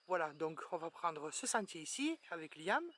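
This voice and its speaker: A woman's voice: low voice, big pitch swings, moderate pace, a bit bright. A woman hosting a casual travel vlog outdoors at a bird reserve, chatty and often starting her lines with 'voilà', recorded on a handheld camera. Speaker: travel vlogger.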